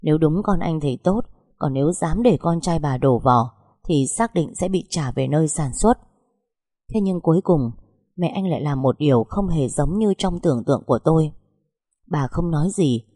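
A woman narrating a story in the first person with a steady, reflective delivery. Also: sits low, husky, no room sound, clean studio sound.

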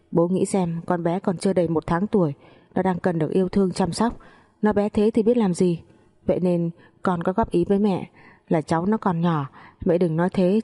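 A woman narrating a family story in the first person, calm and measured. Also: on the low side.

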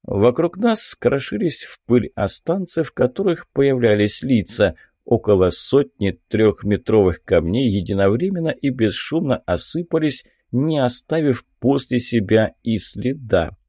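A man reading a fantasy audiobook aloud in the first person, expressive and lively. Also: mid-range voice, a little slow, hardly any pauses, no room sound, studio quality. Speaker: audiobook narrator.

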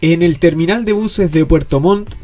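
A man's voice: a little high, moderate pace, darkish tone. Man narrating over faint music. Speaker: podcast narrator. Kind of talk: scripted documentary narration.

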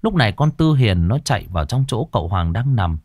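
A man narrating a ghost story in a dramatic, expressive way. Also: on the low side, brisk, no echo, studio quality.

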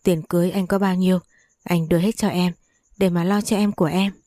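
A gentle, devoted young fiancé offering comfort, read by a woman. The voice is soft, low and warm, in a dry, close storybook reading. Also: steady tone, brisk, dry recording, natural voice. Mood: tender. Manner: gentle, reassuring.

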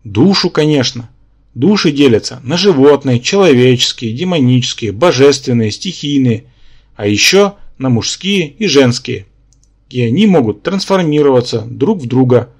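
A man's voice: mid-range voice, animated, moderate pace, slightly rough. A man voicing a pedantic, lecturing male spirit symbiont who lives in the hero's head. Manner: lecturing, matter-of-fact.

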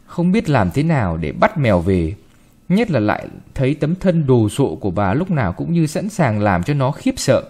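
A man reading a short story aloud with expressive, varied delivery. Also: mid-range voice, normal speed. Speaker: narrator.

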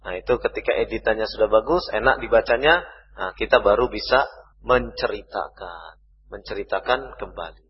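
A man's voice: fairly low pitch, expressive, normal speed, breathy edge. A man with an Indonesian accent giving a religious study talk, reading out questions and answering them, saying "ya" again and again. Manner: repeats "ya" often, reads questions then answers. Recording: lo-fi reverberant hall recording.

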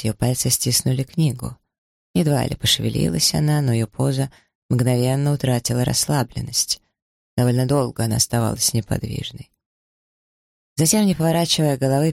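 A man narrating a novel as an audiobook, in a measured, literary reading. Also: medium pitch, gravelly, no echo, clean studio sound.

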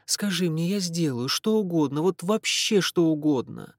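A remorseful young woman, as a male reader puts her on pleads in a lifted, hushed voice, apologizing again and again. Her words come softly insistent and dry, close to the mic. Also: on the high side, lively intonation, normal speed, dry recording, voice pushed up. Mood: pleading.

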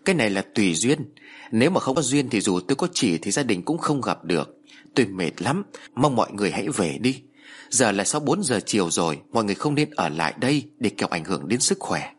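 A man voicing a tired, curt older male spirit medium who speaks slowly. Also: fairly low pitch, very animated, slightly rough. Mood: weary. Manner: slow, tired, dismissive.

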